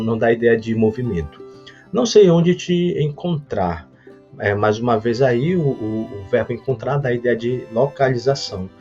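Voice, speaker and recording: A Brazilian man teaching a recorded grammar lesson, explaining slowly with frequent hesitations and restarts. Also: medium pitch, darkish tone. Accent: Brazilian Portuguese. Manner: hesitant, many fillers and restarts; explanatory, reads example sentences slowly. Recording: dull lo-fi audio, faint guitar music.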